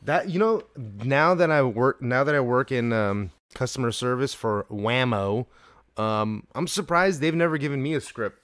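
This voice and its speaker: A man's voice: mid-range voice, moderate pace, a bit bright, dry recording. A man hosting a casual comedy podcast, teasing his guest and laughing often. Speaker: podcast host.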